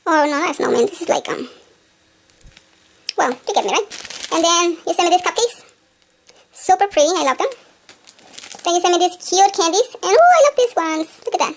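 A craft-channel host, a woman with a strikingly high voice, excitedly unboxes a gift box at home. She gushes over every item, exclaiming constantly. A faint hiss sits under her voice. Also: fairly quick, pauses often. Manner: gushing, excitable, lots of exclamations. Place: at home at a table.

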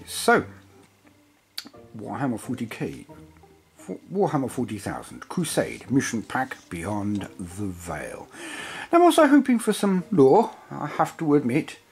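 Gravelly and mid-pitched, this weary hobby-channel host speaks at a measured pace, his pitch swinging widely. Chatting about a game book, he wanders off on tangents and admits he's a waffler.

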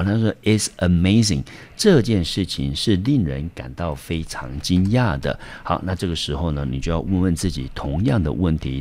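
Very deep-voiced male teacher. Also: darkish tone. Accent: Taiwanese Mandarin. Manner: patient, explains step by step with many fillers. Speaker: English teacher. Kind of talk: vocabulary lesson.

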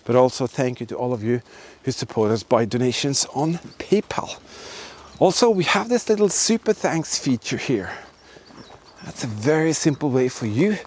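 Here the same kind of host, a man fronting a history exploration channel, narrates to camera at normal speed in a very animated mid-range voice, with slight background noise. He strolls outdoors among forest and ruins, speaking with enthusiasm, emphasis, and frequent repetition.

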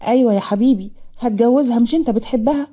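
A woman voicing a stern older man, a father and guardian, with an Egyptian accent and a firm, calm manner, in a storybook reading. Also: a little high, racing, husky.

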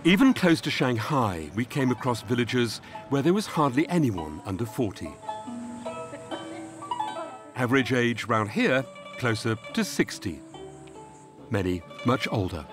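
A man giving measured, scripted documentary narration. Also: medium pitch, sing-song, over music.

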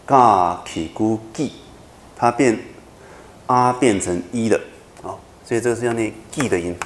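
Guy teaching a class, slightly low voice, keeps asking if everyone gets it, echoey room w/ faint hum. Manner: patient, repetitive explaining with frequent checking questions. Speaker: university lecturer. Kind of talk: classroom lecture. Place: university classroom.

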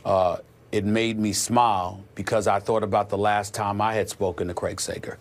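A man's voice: on the low side, level tone, moderate pace. A middle-aged man hosting a sports talk show, speaking earnestly and reflectively, often restarting his sentences. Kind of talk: conversational sports talk tribute.

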